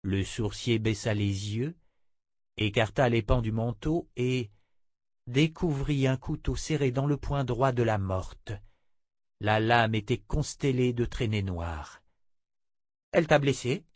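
A man narrating a fantasy audiobook in a steady, measured voice. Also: medium pitch, no echo, clean studio sound. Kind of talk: scripted narration.

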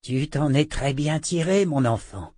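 A man's voice: on the high side, lively intonation, a little slow, mellow, dry recording. A man doing a wry old wizard.

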